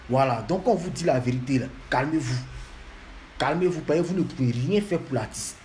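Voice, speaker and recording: A man's voice: medium pitch, animated, brisk, a little mellow, a little hiss or hum. A man, lecturing and scolding fans in a repetitive, emphatic monologue. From Ivory Coast.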